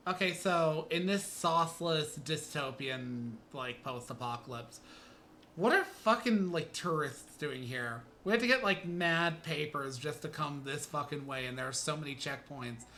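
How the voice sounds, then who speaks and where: A man's voice: a little high, lively intonation, measured pace, bright, forceful tone, a little hiss or hum. A man streaming a game, commenting in a profane, rambling, sarcastic way. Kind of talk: casual gameplay commentary.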